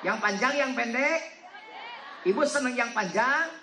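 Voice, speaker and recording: A man's voice: very high voice, measured pace, bright, forceful tone, slight background noise. A man from West Java, giving a humorous sermon and teasing the congregation into answering back. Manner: joking, teasing the audience, asking it to answer back. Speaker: preacher. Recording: echoey hall with faint crowd.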